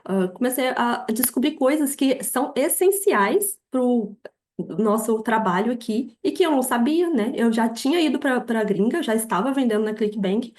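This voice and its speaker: A young adult woman with a Brazilian Portuguese accent, a podcast guest telling her story in a lively way, laughing often and acting out quoted dialogue. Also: a little high, moderate pace. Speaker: podcast guest, affiliate marketer. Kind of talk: casual interview storytelling.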